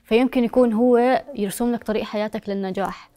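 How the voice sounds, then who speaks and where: A woman's voice: fairly high pitch, steady tone, fast talker, dark tone. A young woman with a Levantine Arabic accent, giving advice as an interview guest. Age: young adult. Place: TV studio. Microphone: lapel.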